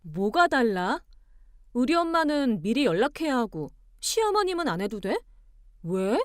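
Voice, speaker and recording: A woman voicing a composed young wife who argues back calmly and pointedly. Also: a little high, measured pace, no room sound, clean studio sound. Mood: cool firm. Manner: calm, pointed, arguing with cool logic.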